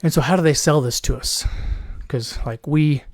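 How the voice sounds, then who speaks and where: Hosting a solo commentary podcast, a man who is losing his voice speaks in a hoarse, worn, fairly high tone at a moderate pace, sometimes clearing his throat. He rambles, restarts sentences, and now and then slips into a mocking put-on voice. The sound is dry and close, with no room around it.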